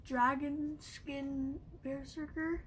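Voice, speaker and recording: A woman's voice: high voice, level tone, extremely slow, a bit bright, a little hiss or hum. A woman hosting a casual pack-opening vlog, reading card names aloud and humming little sound effects. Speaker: channel host.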